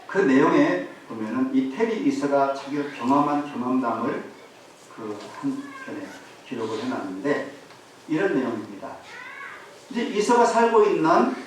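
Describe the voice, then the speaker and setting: A male pastor preaching a sermon to his congregation, telling a story in an animated way and asking the listeners rhetorical questions. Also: medium pitch, moderate pace, recorded from a distance. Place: church sanctuary. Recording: very echoey hall, voice off-mic, faint hiss.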